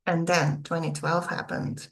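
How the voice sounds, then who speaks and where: The audio is poor as a young woman with a Hungarian accent, an author running her own video channel, chats casually to the camera. Her voice is on the low side, her delivery flat and her pace measured, with a touch of hesitancy.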